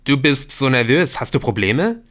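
A man's voice: mid-range voice, very animated, normal speed, a bit bright, voice pushed up. A man reading an audiobook, voicing an affectionate, teasing young man.

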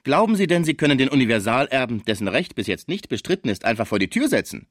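A man voicing an indignant male lawyer who argues forcefully for his client. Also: medium pitch, big pitch swings, fast, no room sound, clean studio sound, voice pushed up. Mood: protesting. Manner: forceful and protesting.

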